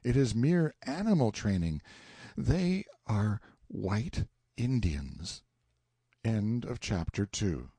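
This is a man's audiobook narration of a literary novel, delivered at a fairly low pitch in a slightly husky tone. The telling is expressive yet measured, with no echo in the recording.

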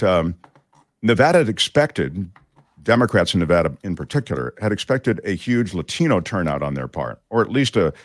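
Male talk show host, low voice, lively swings in pitch, dry close sound, rambling with ums. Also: no echo. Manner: chatty, digressive, many fillers. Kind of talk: casual political commentary.

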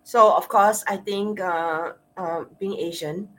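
A woman with a Singaporean accent hosts an interview as a sexologist, her voice fairly low, slow, and fairly bright. She often says "uh" and repeats words.

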